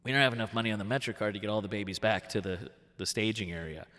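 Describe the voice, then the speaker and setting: A man doing a flat, businesslike production assistant. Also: on the low side, very fast, big-room sound, voice pushed down. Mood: matter-of-fact.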